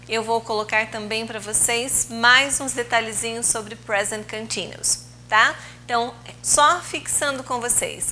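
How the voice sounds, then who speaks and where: A woman teaching English in a recorded video lesson, explaining rules slowly and patiently, drawing out key words, with Portuguese as her first language. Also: fairly high pitch, pushed and bright, a little hiss or hum, rough recording.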